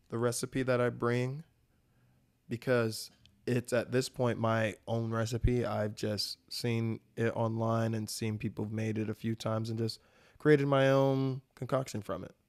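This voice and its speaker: Here the podcast host, a young Southern American man, goes on enthusiastically and casually about food, with some swearing, in a solo show. His mid-range voice has little pitch movement, and he takes his time.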